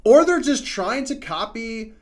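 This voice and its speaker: A man's voice: extremely high pitch, lively intonation, a little slow. Rambling man hosting a chat. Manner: loose, rambling, many fillers. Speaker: podcast host. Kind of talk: casual political chat.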